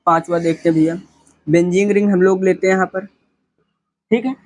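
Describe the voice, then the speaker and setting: A man's voice: high-pitched, fairly even intonation, a little fast, darkish tone, no echo. A man teaching a chemistry lesson, asking questions and answering them himself, repeating key terms. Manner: repetitive, asks and answers his own questions. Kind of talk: classroom lecture.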